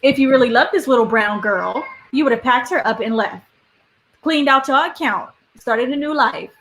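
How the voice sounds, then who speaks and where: A fired-up woman co-host on a casual panel chat, speaking bluntly with lots of slang. Her voice sits a little high. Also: normal speed, a bit bright, poor audio. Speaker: podcast co-host.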